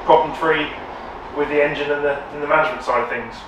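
Man, host, upbeat chatty, slightly high voice, echoey workshop, far mic. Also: fairly even intonation, quick pace, dull audio, noisy background. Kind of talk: casual presenting. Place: tuning workshop, indoors. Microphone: far camera.

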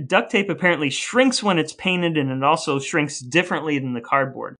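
A podcast co-host with a slightly high, somewhat bright voice walks through researched facts in casual chat. He explains things as he goes and laughs at his own points.

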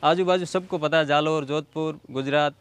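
A man's voice: a little high, steady tone, clear, resonant tone, dry recording. A man from Rajasthan, an eager horse owner answering interview questions. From Rajasthan, India. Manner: eager, affirming, quick to reply "haan ji".

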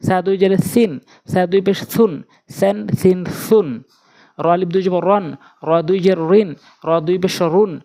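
A Quran reading teacher from Bangladesh with a Bangladeshi Bengali accent, giving a lesson as a steady, repetitive sing-song spelling drill. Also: medium pitch.

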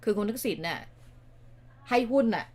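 A woman co-hosting a radio talk show, telling stories in a chatty, animated way with lots of exclamations. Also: a little high, normal speed. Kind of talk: casual political chat. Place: radio studio.

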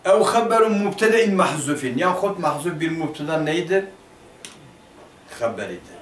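A man's voice: fairly high pitch, expressive, moderate pace. A man teaching a grammar lesson, asking the class questions and then answering them himself. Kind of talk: Turkish madrasa lesson explaining a grammar text. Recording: roomy classroom picked up from a distance.

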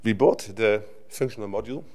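A middle-aged Dutch man, native to the Netherlands, speaks conversationally into a lectern microphone on a conference hall stage, often restarting his sentences. His voice is on the low side and darkish, and he talks fairly quickly.

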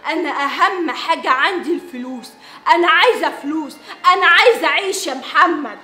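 A greedy, scheming young wife, played by a woman with an Egyptian accent, whose voice is high and bright and comes quickly. She coaxes and commands in the same breath. The recording sounds roomy, with faint music underneath. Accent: Egyptian Arabic. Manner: coaxing, then commanding. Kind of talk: amateur web drama acting.

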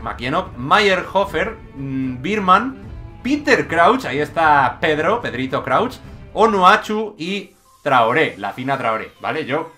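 Excitable young gaming commentator. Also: male voice, fairly high pitch. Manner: excitable, jokey, rapid shifts between shouts and mutters. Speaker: gaming YouTuber. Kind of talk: energetic gameplay commentary.

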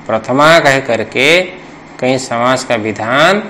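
A man's voice: medium pitch, slow pace, sharp tone, a little hiss or hum, low-quality recording. A man teaching Sanskrit grammar in a traditional classroom lesson, repeating points and quizzing students for answers.

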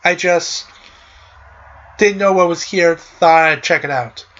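A man's voice: on the high side, takes it slowly, a bit bright, highs cut off. A man doing a sheepish young boy hero. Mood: apologetic. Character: apologetic young boy hero, mild-mannered.

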